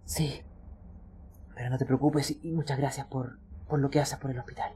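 A man voicing a shaken female nurse who speaks softly and stammers. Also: medium pitch, fairly even intonation, moderate pace, a little hiss or hum, lightly acted. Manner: stammering, soft.

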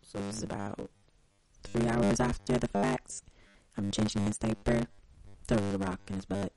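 Lively, gravelly man telling stories. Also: on the low side, normal speed, soft background music, poor audio. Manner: expressive storyteller, acts out quoted voices. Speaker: podcast co-host. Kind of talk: casual chat.

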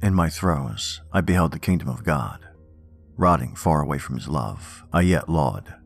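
Man, extremely low pitch, creaky voice, theatrical horror podcast narration, measured delivery. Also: animated, soft background music. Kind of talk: scripted narration of horror stories and poems.

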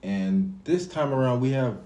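A man's voice: medium pitch, animated, a little slow, mellow. A young man co-hosting a podcast in easygoing casual chat, swearing casually. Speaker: podcast co-host.

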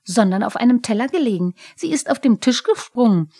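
A woman's voice: lively intonation, brisk, husky, no echo, clean studio sound. A woman voicing a cheeky, easily offended little male goblin who shrieks and whines in outrage. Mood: outraged. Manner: shrill, whiny, shouting in outrage.

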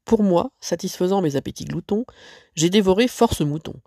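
A self-serving lion king speaks in solemn, stately verse, as a teacher reads the fable aloud. The voice is mid-pitched with a gravelly edge. It is dry and close. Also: expressive, normal speed, warm tone, no echo.

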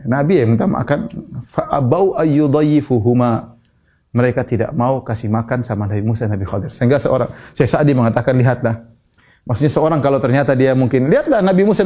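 A man giving an Islamic sermon in speech, teaching in a lively way, acting out quoted people and reciting Quran verses. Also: mid-range voice. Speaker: Islamic preacher.

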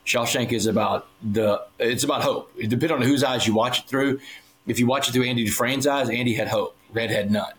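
A man's voice: mid-range voice, brisk, a bit bright, a little hiss or hum. A man on a podcast as a guest speaker, telling his story in earnest and acting out the dialogue he quotes. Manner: earnest, acts out quoted dialogue, addresses host by name. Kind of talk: storytelling in a conversational interview.

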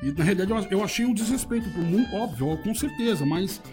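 A man's voice: high voice, expressive, brisk, music in the background. A man, a DJ, chatting casually on a podcast, loose and laughing, swearing freely as he tells stories. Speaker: DJ guest.

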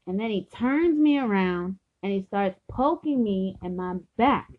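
A woman at a middle pitch tells a story from her own life, earnest and emphatic, circling back to repeat her points. The recording is a little dull and lo-fi, with the top end rolled off. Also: lively intonation, measured pace. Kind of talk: personal storytelling.

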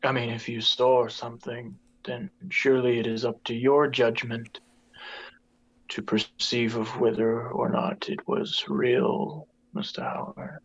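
Man doing an eerie masked chieftain, very slow, formal, measured, sinister whispers, mid-pitched. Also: flat delivery, gravelly, breathy edge, highs cut off. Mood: eerie calm. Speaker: band member in persona.

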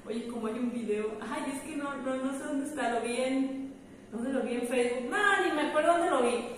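Young woman, Mexican accent, slangy animated storyteller, high-ish voice, roomy echo. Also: normal speed. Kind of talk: casual chat. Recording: roomy echo, far from mic, faint noise.

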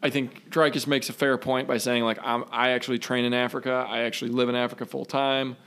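A man co-hosting a fight podcast, talking in a relaxed, rambling way with lots of fillers. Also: mid-range voice, fast, smooth. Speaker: podcast co-host. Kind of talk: casual chat.

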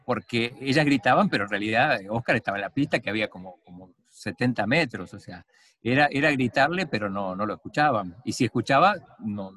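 A man's voice: mid-range voice, lively intonation, fairly quick, fairly bright tone. Guy interviewer, chatty, lots of ums and restarts, telling a funny story. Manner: chatty, many fillers and restarts.

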